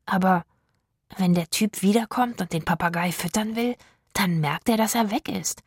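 A woman's voice: mid-range voice, moderate pace, husky, dry recording. Brief: storybook boy, thoughtful, dry close voice, read by a woman narrator. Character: young boy stowaway, thoughtful. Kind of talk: audiobook narration.

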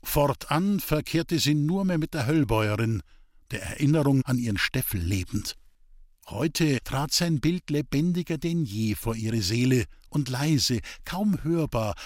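A man narrating a folk tale in an expressive, scripted storytelling reading. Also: mid-range voice, measured pace, no echo, clean studio sound.

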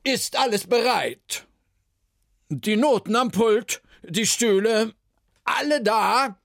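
A man's voice: sits high, lively intonation, slow, gravelly, a bit bright, no room sound, clean studio sound, pitched above the performer's own voice, full character voice. A man reading a children's story, voicing a vain, flamboyant male opera conductor in a theatrical, exclaiming manner. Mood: fussy.

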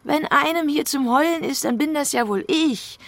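A woman's voice: high-pitched, no echo. A woman playing a clingy, pleading lover. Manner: halting, repetitive, pleading. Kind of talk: stage monologue.

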